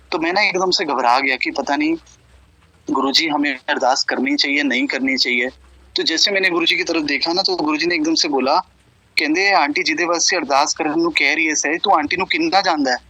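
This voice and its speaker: A man's voice: fairly high pitch, bright, forceful tone, slightly rough, no echo, rough recording. A man telling devotional stories to a gathering in an earnest, flowing way, often quoting others in Punjabi-tinged speech. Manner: earnest retelling, mixing Punjabi and Hindi quotes. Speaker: satsang speaker sharing devotee stories.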